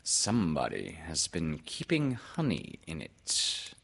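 A man voicing Owl as a pompous, self-important bird in a storybook read-aloud, with a deliberate, drawn-out delivery. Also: rumbling low, wildly swooping pitch, creaky, fairly bright tone, husky, voice pushed down, full character voice. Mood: deliberate, curious.

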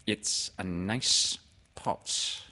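A man voicing a pompous, self-important owl in a children's storybook, speaking in a deliberate, drawn-out manner. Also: low voice, sharp tone, full character voice. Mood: measured.

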